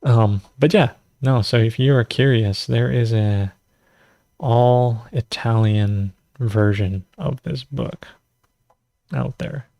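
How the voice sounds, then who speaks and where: Speaking slowly at a medium pitch, a man with a creaky, dark voice hosts a laid-back live Q&A on natural farming. He reads recipes aloud, rambles, and often stumbles over numbers and foreign words, making self-deprecating asides, and the recording is dry.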